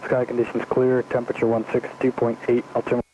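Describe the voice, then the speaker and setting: Rapid monotone airport weather broadcast, man. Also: mid-range voice. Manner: rapid monotone reading of weather and airfield notices. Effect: recorded airport weather broadcast over aviation radio. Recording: muffled aviation radio with faint static.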